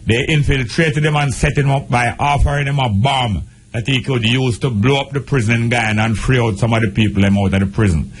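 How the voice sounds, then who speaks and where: A man's voice: medium pitch, steady tone, brisk, husky. A man with a Jamaican accent and Patois-inflected speech, speaking earnestly as a guest in a political discussion on radio.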